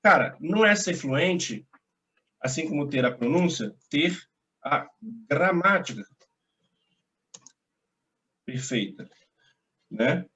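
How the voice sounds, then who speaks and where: A man's voice: on the high side, expressive, slow, long pauses, sharp tone. A young man from Brazil giving a casual video lesson as an English teacher, chatty and reassuring, with slang and frequent tag questions.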